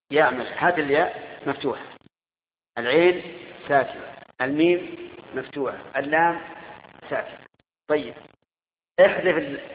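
A man's voice: mid-range voice, slight background noise. Male teacher in an echoey hall. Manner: quizzes students, repeats answers. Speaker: Arabic grammar teacher. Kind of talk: classroom grammar lesson. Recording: tinny echoey hall recording.

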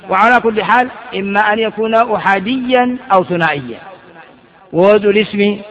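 A man's voice: sits high, a bit bright. A man teaching an Arabic grammar class, quizzing his students with questions and correcting their mistakes, often repeating phrases. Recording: dull lo-fi recording with long reverb.

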